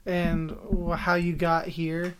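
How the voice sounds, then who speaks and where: A man in his thirties with a stuffy nose from a head cold, hosting a casual podcast from a spare bedroom, relaxed and rambling with many fillers. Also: fairly high pitch, takes it slowly, slight background noise. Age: 30s. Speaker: podcast host.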